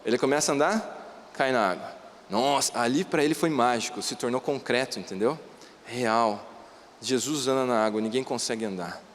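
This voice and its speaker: A man preaching a sermon, telling stories in plain, animated, conversational words. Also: mid-range voice, normal speed, in a large hall, slight background noise. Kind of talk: storytelling sermon. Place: church.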